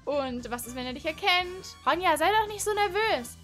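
A woman voices herself in a casual game role-play, with a very high and bright, sharp voice. She is chatty and excitable and often restarts her sentences. Faint music plays behind her. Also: moderate pace. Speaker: YouTuber role-playing in a game.

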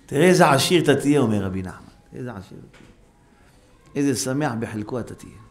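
A rabbi giving an animated Torah lesson, exhorting his listeners with repeated rhetorical questions and acting out quoted voices. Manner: animated, acts out quoted voices with sharp pitch jumps. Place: synagogue hall. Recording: faint background noise, live stream.

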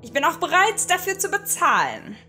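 A woman's voice: very high-pitched, huge pitch swings, moderate pace, faint music behind, pitched above the performer's own voice, heavily acted. Woman putting on a sly talking crow. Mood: conspiratorial. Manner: hushed, conspiratorial whisper. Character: scheming talking crow, sly and foul-mouthed. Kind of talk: audio horror story reading.

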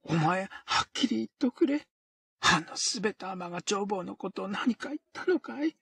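A man voicing a frantic, hot-tempered woman neighbor from an old period tale, in a coarse and shrill manner. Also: lively intonation, moderate pace, vocal fry, fairly bright tone, slightly rough, no echo, exaggerated voice. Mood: furious. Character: frantic middle-aged woman tenement neighbor.

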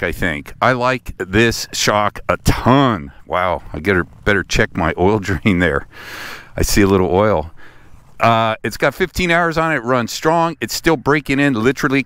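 A middle-aged man riding a motocross track outdoors, talking casually about his bike with relaxed, rambling self-corrections. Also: medium pitch, normal speed, clean tone. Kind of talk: casual vlog commentary. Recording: loud engine noise outdoors. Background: loud motorcycle engine.

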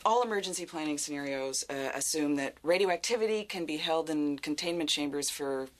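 An actress playing an earnest woman expert who speaks in a measured, formal way. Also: low voice, lightly acted. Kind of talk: scripted comedy series acting.

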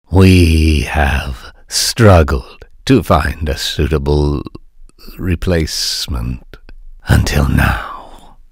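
Sinister enigmatic suited man, video game villain, deep voice, extremely slow, halting odd stresses, coldly bargaining. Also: slightly rough, dry recording, clean studio sound, full character voice. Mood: measured, cryptic. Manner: halting, oddly stressed, deliberate phrasing with drawn-out words. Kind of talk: video game character monologue.

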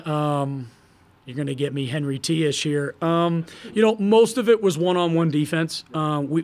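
Candid man coaching, higher-pitched voice. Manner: candid, thinking aloud with restarts and fillers; gestures broadly while talking. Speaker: head basketball coach. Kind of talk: post-game press conference answers. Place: press room in front of a logo backdrop. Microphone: table microphone.

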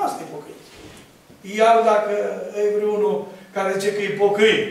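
A man preaching a sermon in a large church, his voice sitting unusually high. He swings between loud, emphatic cries and hushed asides. The sound is echoey and distant, as if picked up from far across the hall. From Romania. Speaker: pastor. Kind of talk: evangelistic sermon.

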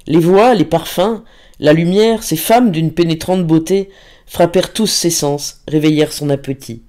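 A man reading a classic novel aloud as an audiobook narrator, measured and expressive. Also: on the high side.

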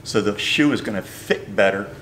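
A man's voice: lowish voice, normal speed, fairly bright tone, a little hiss or hum. An older man, a shoe company representative, patiently explaining product features in a store. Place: bowling shoe store, indoors.

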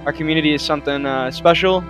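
A young man giving a heartfelt anniversary speech to his gaming community, pausing often with "uh" and "um". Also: fairly high pitch, music in the background. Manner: halting, full of "uh" and "um" fillers.

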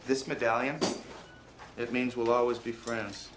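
An actor playing an earnest, lovesick rock singer who talks theatrically and bursts into song. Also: male voice, mid-range voice, level tone, a little slow, noisy background, lightly acted. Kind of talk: comedic film acting with rock singing.

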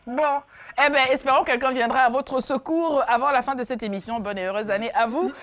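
A middle-aged woman hosting a live TV talk show in a studio, lively and playful, with a lapel mic. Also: sits high, a little fast. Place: TV studio, indoors.

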